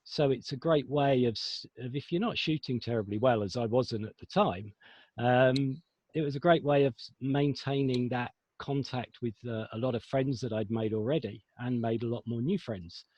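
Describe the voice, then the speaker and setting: A man from the United Kingdom, a guest on a video call, speaking in a measured way with fillers. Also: medium pitch, darkish tone. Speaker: guest, international judge. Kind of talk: casual chat. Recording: dull video call audio.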